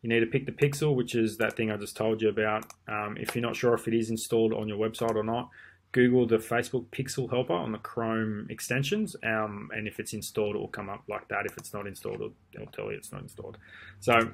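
A marketing tutor at an indoor desk talks through a screen-share tutorial in a relaxed, rambling way full of ums and restarts. His fairly low voice is quick and creaky. A little hiss or hum sits under the recording.

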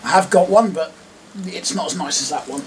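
A middle-aged English diecast collector vlogs casually while sorting a box of toy cars at his desk, slipping in self-mocking asides. His voice is a little high and a little fast, with slight background noise and the clicks and clatter of a distant mic.

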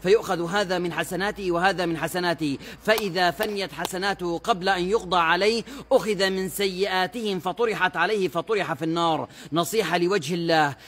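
A man's voice: sits high, a bit bright. A man giving short religious advice talks as a preacher, earnest and explanatory, quoting scripture at length. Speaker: Islamic preacher.

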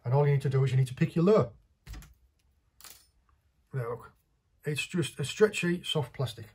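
A man's voice: a little high, animated, moderate pace, a little mellow, slight background noise. A man, casually talking through a hands-on fishing tutorial while he works, in a small indoor workshop. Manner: chatty, practical, talks while working with his hands.

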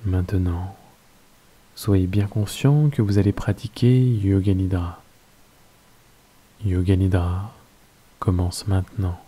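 With a French accent and a deep, husky voice, a calm man guides a yoga nidra meditation. His instructions come slowly, calmly and softly.

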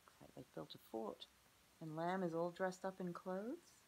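A woman preschool teacher gently reading a picture book aloud to children and asking them questions about the pages. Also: on the low side, normal speed, vocal fry, husky, rough recording.

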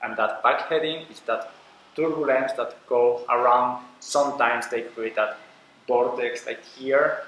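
A man's voice: mid-range voice, fairly even intonation, measured pace, fairly bright tone, slight background noise. A man, a scuba diving course director, explains plainly in slightly non-native English while reacting to dive footage. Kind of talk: casual reaction commentary. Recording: very echoey room, faint ambience.

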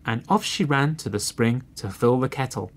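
A man reading a children's fairy tale aloud, slow and expressive. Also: medium pitch. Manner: slow and expressive, clearly read for learners. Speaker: storyteller. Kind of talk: storybook reading.

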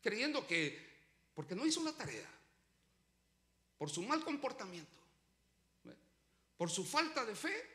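A pastor preaching a sermon, swinging between loud urgent lines and low quiet ones as he calls his listeners brother. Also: very animated, slow, pauses often. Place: church sanctuary. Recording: echoey church room.

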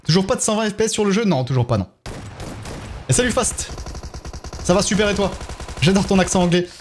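A man's voice: sits high, animated, brisk, slight background noise. A man with a French accent, chatting casually on a live game stream and thanking viewers one by one as he plays.

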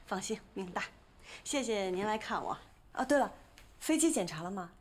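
An actress playing a spirited young airline pilot, brisk and chatty, putting on a brave face in a TV drama. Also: female voice, medium pitch, animated, close to an everyday voice. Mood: earnest. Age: young adult. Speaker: actor in a television drama. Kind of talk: naturalistic TV drama acting. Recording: music behind the dialogue.

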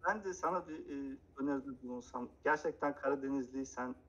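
Husky stream guest on muffled audio. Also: mid-range voice, a little fast, fairly bright tone. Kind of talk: casual chat.

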